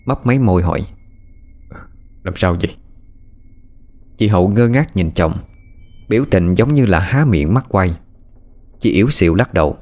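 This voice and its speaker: Deep-voiced man narrating a ghost story. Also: a little mellow.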